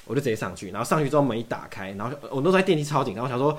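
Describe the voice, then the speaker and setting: A man's voice: medium pitch, animated, racing. A young man from Taiwan telling a long story in casual chat, acting out both sides of every exchange. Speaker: podcast guest.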